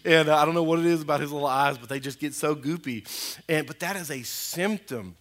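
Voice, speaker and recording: Pastor in his thirties, bright, slightly high voice, chatty energetic preaching to a congregation. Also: fairly quick. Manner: conversational, energetic preaching with audience asides. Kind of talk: sermon. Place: church sanctuary.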